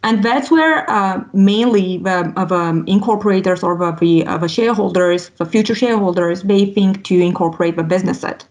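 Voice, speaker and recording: Armenian-born woman attorney, halting webinar talk. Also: medium pitch, rough recording. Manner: frequent "um" fillers and restarts. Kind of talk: legal presentation.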